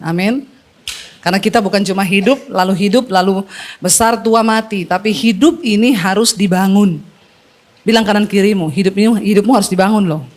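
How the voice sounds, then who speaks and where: A middle-aged woman pastor preaching a sermon to a congregation, exhorting them with rhetorical questions and rising emphasis. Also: mid-range voice.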